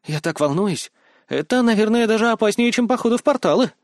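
A squealing young woman vlogger bursts with forced excitement, her pitch leaping high as she hypes each line for the camera, as a male audiobook reader puts her on. The voice sounds close and dry. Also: brisk, no echo. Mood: hyped. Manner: shrill, breathless on-camera hype. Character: excitable young female video blogger. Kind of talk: audiobook character voice.

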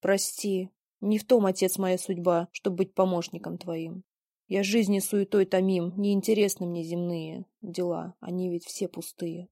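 A young son acted by a woman, weary of the world and resigned to gloom. The mellow voice recites mournful rhymed verse theatrically, recorded dry. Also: lowish voice, little pitch movement, unhurried, no room sound. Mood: despondent. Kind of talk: dramatic verse play reading.

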